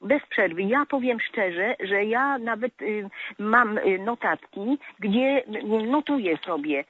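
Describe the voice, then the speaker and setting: A woman's voice: mid-range voice, lively intonation, slow pace, a little hiss or hum. A woman calling in to a radio show, lecturing on correct speech with many hesitant filler sounds. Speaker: radio caller. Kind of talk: call-in talk about correct speech. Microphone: telephone. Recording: tinny phone line.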